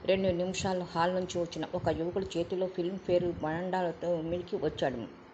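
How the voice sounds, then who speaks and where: A woman narrating a story aloud in a steady, measured audiobook reading on a muffled recording. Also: on the low side, a little hiss or hum.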